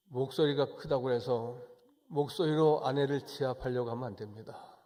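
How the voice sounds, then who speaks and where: A male pastor giving a Sunday sermon, moving from calm, chatty explanation to forceful, raised exhortation. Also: medium pitch, normal speed.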